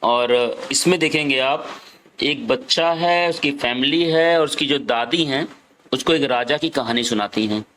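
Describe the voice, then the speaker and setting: A male English teacher explaining a lesson to children in Hindi, reading the English lines slowly and going over them again and again. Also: medium pitch, a bit bright, a little hiss or hum. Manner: slow, repetitive, reads English lines word by word.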